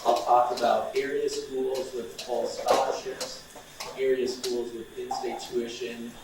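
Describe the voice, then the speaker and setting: A man's voice: mid-range voice, takes it slowly, far from the mic, heavy background noise. Young male speaker, loose and conversational with students; room echo, mic set back. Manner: relaxed and chatty, many fillers and restarts. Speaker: outreach coordinator speaking to students. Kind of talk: informal talk to students.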